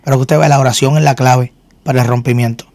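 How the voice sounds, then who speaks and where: A man who is a minister and singer tells his own story in a faith interview, earnest and often repeating words as he restarts. His mid-range voice is steady, a little mellow and quick, with no echo.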